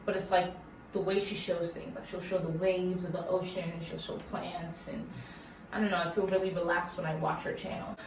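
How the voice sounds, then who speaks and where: A woman's voice: on the low side, level tone, a little fast. A young woman from Massachusetts, chatting casually and giggly in a Q&A vlog, filled with "like". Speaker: YouTuber. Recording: echoey room, mic at a distance, faint hiss.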